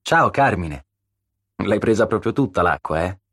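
Brief: man playing a bossy, cheerful pregnant woman in her thirties, raised above a deep voice, dry sound. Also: animated, husky, dry recording, heavily acted. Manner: brisk, bossy, warmly teasing.

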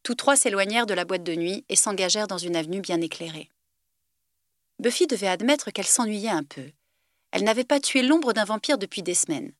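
Expressive woman reading a novel aloud. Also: medium pitch, fairly quick, dry recording, studio quality. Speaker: reader. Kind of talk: audiobook narration.

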